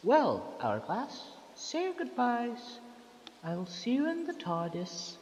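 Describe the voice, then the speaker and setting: A woman playing a scheming, sarcastic, ruthless Time Lord villain in an audio drama, with a theatrical and deliberate delivery. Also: a little high, wildly swooping pitch, a little mellow, heavily acted. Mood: dry sarcasm. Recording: muffled, noisy, reverberant amateur recording.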